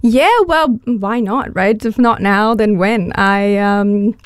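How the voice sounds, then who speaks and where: A woman's voice: medium pitch, slow, clean tone, no echo, clean studio sound. A woman in her forties from Bulgaria, a guest on a radio interview, talking in an upbeat, earnest way. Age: 40s. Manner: upbeat, earnest, with many fillers. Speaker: magazine editor, pageant finalist.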